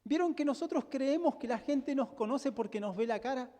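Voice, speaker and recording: Speaking at a normal speed, this male preacher has a very high-pitched, mellow and animated voice with a Rioplatense Spanish accent. He addresses the congregation emphatically, firing off rhetorical questions, and a long hall reverb fills the recording.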